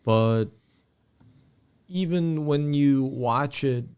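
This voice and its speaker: A man co-hosting a relaxed movie review podcast at a mid-range pitch. He reads listener comments out loud and keeps stopping to restart his sentences. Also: clear, resonant tone. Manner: reads viewer comments aloud, halting, many restarts. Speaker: podcast co-host. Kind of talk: casual movie review chat.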